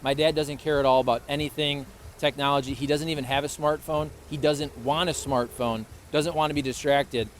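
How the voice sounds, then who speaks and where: A man in his late thirties co-hosting a podcast in relaxed, chatty conversation. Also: on the high side, fairly quick, a little hiss or hum. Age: 30s. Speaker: podcast co-host. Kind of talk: casual chat.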